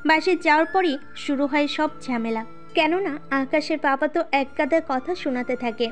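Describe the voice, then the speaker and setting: Woman narrating a story, high voice. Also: a little fast, faint music behind.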